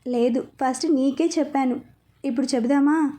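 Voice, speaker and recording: Woman as a young wife, soft and pleading, high and mellow. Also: fairly even intonation, moderate pace, natural voice. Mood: tender. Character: young pregnant wife, sweet and sulky.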